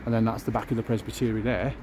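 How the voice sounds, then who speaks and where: A man's voice: fairly low pitch, little pitch movement, racing. Chatty man outdoors. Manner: chatty, musing aloud with fillers. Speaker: vlogger giving a walking tour. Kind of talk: casual walking-tour commentary. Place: outdoors on a city street. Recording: outdoor street noise behind.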